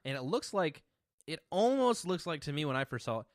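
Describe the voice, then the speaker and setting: A man's voice: a little high, sing-song, brisk, no echo, studio quality. A man co-hosting a podcast, chatting casually about an episode with joking, teasing banter. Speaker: podcast co-host.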